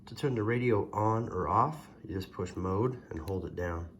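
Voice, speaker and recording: Speaking at a moderate pace in a lowish voice, this man reviews a product with a folksy, casual, plainspoken hands-on demo. The recording carries loud background noise and the sound of a vehicle.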